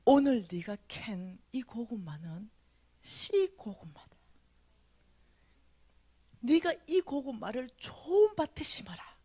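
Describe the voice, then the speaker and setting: A woman's voice: fairly high pitch, very animated, takes it slowly, long pauses, husky, heavily acted. Woman voicing three commanding dream visitors. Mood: solemn. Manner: urgent, terse commands, dropping to a hushed whisper.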